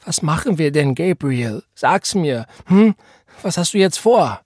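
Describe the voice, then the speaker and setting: A male reader voicing a frightened young pregnant woman who pleads through tears, her voice rising high, in an audiobook. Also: big pitch swings, a little slow, darkish tone, slightly rough, no echo, studio quality, heavily acted. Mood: pleading.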